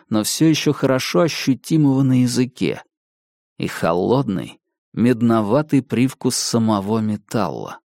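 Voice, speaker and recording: A man reads a dark story aloud in a measured, somber and dramatic way. His voice sits at an ordinary middle pitch for a man. The recording is dry, with no room sound around him. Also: no room sound. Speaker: audiobook narrator. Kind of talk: scripted narration.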